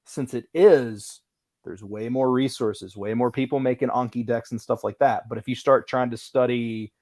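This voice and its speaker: A man who is a guest on a livestream, talking in quick, animated bursts full of fillers. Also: mid-range voice, no room sound, studio quality. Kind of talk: casual livestream chat.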